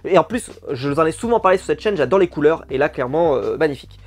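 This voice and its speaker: A man's voice: on the high side, lively intonation, fast talker. Chatty man reviewing comics. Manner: chatty, many fillers and asides, upbeat bursts. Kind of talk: casual review talk.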